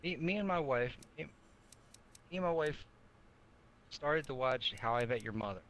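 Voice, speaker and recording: A man in his thirties trading teasing jokes and anecdotes in casual podcast chat. His voice sits at an ordinary mid pitch. A faint background noise runs under the recording. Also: animated, moderate pace, fairly bright tone. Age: 30s. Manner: jokey, teasing storyteller.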